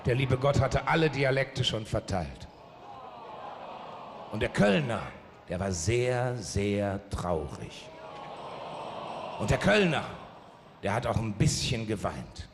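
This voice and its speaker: A man's voice: on the low side, big pitch swings, takes it slowly, pauses often. A man telling jokes as a carnival comedian in a large hall, in a punchy storytelling delivery. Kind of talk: comic carnival speech. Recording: long hall reverb, faint crowd noise.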